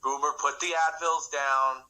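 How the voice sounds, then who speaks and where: A man's voice: fairly high pitch, level tone, unhurried, bright, forceful tone, poor audio. A man co-hosting a casual draft-watching chat on a video call, joking and teasing the others. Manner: joking, wisecracking. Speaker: co-host.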